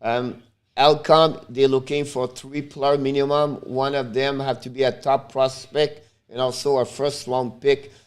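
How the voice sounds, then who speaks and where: Talking straight to his viewers, this French-speaking Montrealer does casual play-by-play and chat in English with a Quebec French accent. His mid-range voice is flat and measured, though he erupts now and then in sudden loud bursts.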